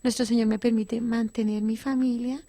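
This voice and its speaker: A woman's voice: fairly high pitch, level tone, normal speed, warm tone. A middle-aged woman giving an earnest, emotional personal testimony in an interview, often restarting and correcting herself.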